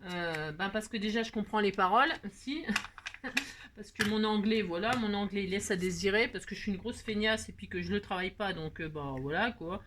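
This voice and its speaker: A woman's voice: medium pitch, normal speed, a bit bright, a little hiss or hum. A woman hosting a card-making tutorial, talking casually and playfully to her viewers, narrating each step with little teasing asides. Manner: narrates her hands, frequent "hop" and filler words. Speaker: craft tutorial host.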